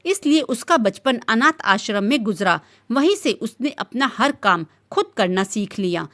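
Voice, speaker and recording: A woman narrating a romantic story in an expressive, steady storytelling manner. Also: a little high, no echo.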